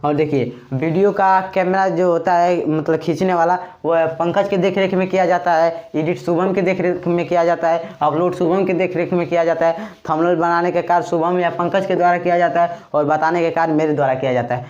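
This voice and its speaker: A man's voice: a little high, steady tone, fairly quick, hardly any pauses, darkish tone. A man teaching a casual grammar lesson in a chatty, joking way, with a Bhojpuri-tinged Hindi accent. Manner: chatty, joking, addresses viewers as brothers. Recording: slightly dull lo-fi recording.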